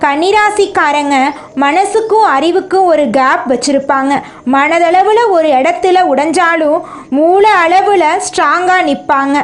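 High-voiced woman giving astrology forecasts. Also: a little slow. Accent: Tamil. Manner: steady declarative predictions. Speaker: astrology presenter.

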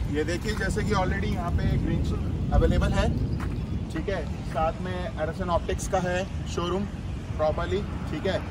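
A chatty man from Delhi talks his viewers through a neighbourhood while walking outdoors. His voice sits high for a man. Loud wind and traffic noise cover the recording. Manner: chatty, mixes English words into Hindi, repeats "theek hai". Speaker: vlogger touring an area. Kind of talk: casual walking vlog commentary. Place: outdoors by a road. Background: loud wind and passing vehicles.

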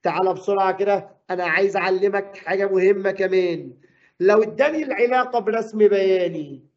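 A man with an Egyptian Arabic accent teaching a physics lesson, quizzing the class with quick questions. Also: high-pitched, dull audio.

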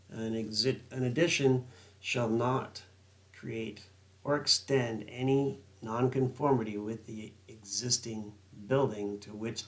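A middle-aged building design consultant with a mid-range, slightly bright voice reads and explains building code sections during a screen-share walkthrough. His rambling reading of the code text is full of ums, fillers, and restarts.

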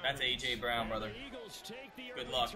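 A man's voice: mid-range voice, little pitch movement, measured pace, over music. A young man streaming a football game, reacting casually with brash, slangy trash talk and taunts. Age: young adult. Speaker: gamer streamer. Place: small room at home, indoors. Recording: loud game audio behind voice. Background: football game sound, commentary.

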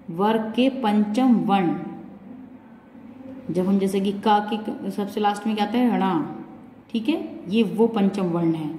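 Female schoolteacher, mellow and patient, explains step by step for kids; roomy echo, faint hum behind. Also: mid-range voice. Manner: patient, explains step by step, says "thik hai" often. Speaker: school teacher. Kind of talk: Hindi grammar lesson for children.

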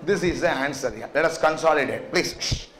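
A middle-aged man with a South Indian accent teaches in an echoey classroom. His voice sits fairly high, and he drills the class with question after question, checking that they follow. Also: a little fast, fairly bright tone. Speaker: finance lecturer. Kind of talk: classroom lecture. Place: indoor classroom, speaking to students.

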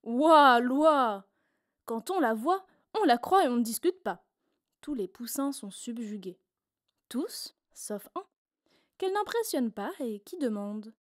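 A woman reading a children's story aloud in a playful, expressive storyteller manner. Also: fairly high pitch, a little slow, dry recording, clean studio sound.

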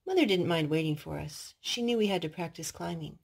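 The voice belongs to a mother with a fairly low pitch, gravelly and slightly rough yet a little mellow, who speaks briskly and with plenty of animation. She's in her living room reading to small kids, posing questions, explaining simply, and singing with them in a sing-song way.

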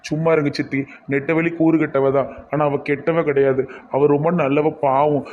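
A man's voice: fairly high pitch, flat delivery, normal speed, phone-quality sound, slight background noise, close to an everyday voice. A man playing a worried, pleading young husband. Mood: earnest. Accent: Kanyakumari Tamil. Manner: pleading, earnest. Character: worried young husband defending his wife.

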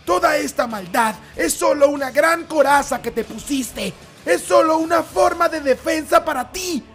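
A man's voice: very high-pitched, normal speed, fairly bright tone, faint music behind, voice pushed up. A man voicing an earnest heroic young Tyrannosaurus, emphatic and imploring, in a dramatic toy-dinosaur story.

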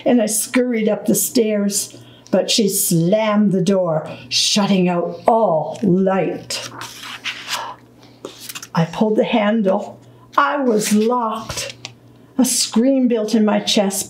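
A woman reading a children's book aloud at storytime, slow, deliberate and gentle. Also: mid-range voice, echoey room, poor audio. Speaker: storytime reader.

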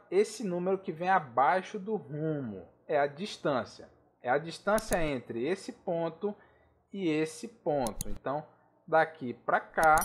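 This high-pitched Brazilian man, an air traffic control instructor, walks through aviation charts in a casual screen-share tutorial. He speaks Brazilian-accented Portuguese, keeps things chatty and informal with slangy asides, and checks in with the listener often.

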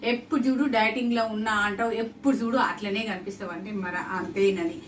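A woman's voice: mid-range voice, fast talker. Chatty Telangana woman in a noisy, roomy kitchen. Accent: Telangana Telugu. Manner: chatty, rambling, repeats herself. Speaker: home cooking vlogger. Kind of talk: casual chat while cooking. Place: indoor home kitchen. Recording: roomy, distant mic, clear kitchen sizzle. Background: sizzling oil, clattering pots and pans.

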